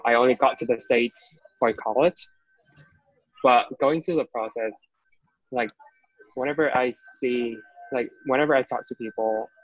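A young man from Vietnam, a guest in a casual interview, talking hesitantly with many restarts and fillers. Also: mid-range voice. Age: young adult. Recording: dull, dry recording.

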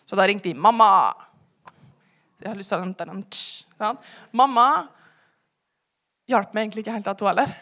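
A young woman giving a personal testimony in church, telling her story earnestly and often dropping to a hushed voice. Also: mid-range voice, pauses often.

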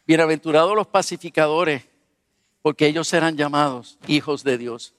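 This pastor's voice sits on the high side, and he keeps a moderate pace while telling funny stories from his own life. Lively and engaging, he poses questions to his listeners. The sound is clean and studio-like with no room sound, though it seems to be in a large hall.

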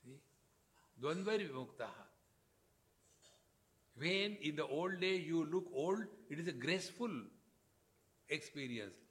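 A man's voice: a little high, lively intonation, fairly bright tone. Indian-accented man giving an emphatic spiritual discourse. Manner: deliberate, emphatic short phrases with pauses. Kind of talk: spiritual discourse with Sanskrit verse.

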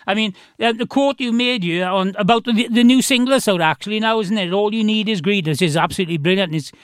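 High-pitched Welsh Valleys man, chatty and effusive. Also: quick pace, fairly bright tone, smooth, no room sound, studio quality. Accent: South Wales Valleys. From South Wales Valleys. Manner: effusive, matey, rambling. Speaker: radio host, interviewer. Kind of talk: casual chatty interview.

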